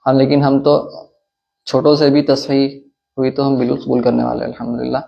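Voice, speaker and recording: A man teaching a religious lesson in a measured, explanatory way, with hesitations and quick Arabic recitation. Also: mid-range voice, monotone, vocal fry, muffled recording. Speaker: teacher of Islamic creed and law.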